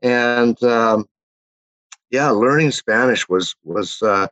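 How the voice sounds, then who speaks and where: A man's voice: medium pitch, slow pace, fairly bright tone, no room sound, dull audio. A Canadian man in his fifties, a guest telling long rambling stories with lots of fillers and restarts. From Winnipeg, Manitoba, Canada. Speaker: interview guest. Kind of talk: casual chat, reminiscing.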